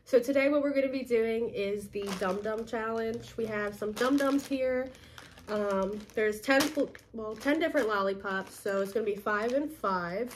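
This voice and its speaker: A woman's voice: on the high side, normal speed, noisy background. Upbeat young woman hosting a challenge video. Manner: upbeat, chatty, with frequent fillers. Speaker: YouTube host.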